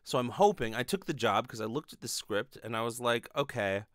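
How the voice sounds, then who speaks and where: With a medium-pitched voice and a brisk pace, a man in his thirties delivers an informal, rambling monologue, swearing and hesitating, leaning often on "like." He's a podcast host, actor and acting teacher. The recording comes from a close studio mic on a stand in a small bedroom indoors, and there's no echo.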